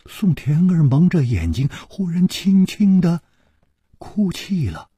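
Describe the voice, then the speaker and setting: Male storyteller, husky, slow, wildly varied pitch, dry close mic. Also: sing-song, warm tone, no echo. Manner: slow, wide-ranging dramatic delivery. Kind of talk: storytelling narration of a martial-arts novel.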